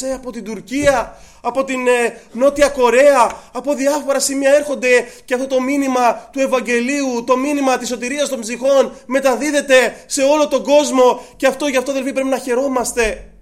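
Preacher, male, very high voice, goes from hushed to emphatic while addressing the congregation. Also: fairly even intonation. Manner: addresses listeners as brothers, swings from hushed to raised. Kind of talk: sermon.

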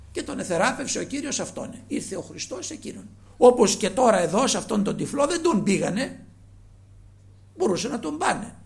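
Gravelly high-pitched male preacher. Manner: emphatic, swings between loud and hushed; rhetorical questions to the congregation. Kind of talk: sermon.

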